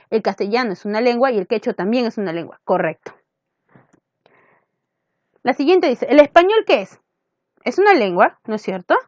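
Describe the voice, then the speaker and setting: A woman's voice: on the high side, no room sound, lo-fi sound. A woman teacher with a Peruvian accent giving a recorded lesson, asking questions and answering them herself. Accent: Peruvian Spanish.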